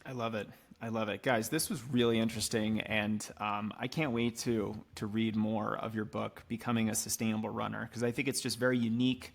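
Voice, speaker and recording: A man's voice: on the low side, flat delivery, a little fast, creaky. A man hosting a podcast, speaking in a casual interview style. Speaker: podcast host.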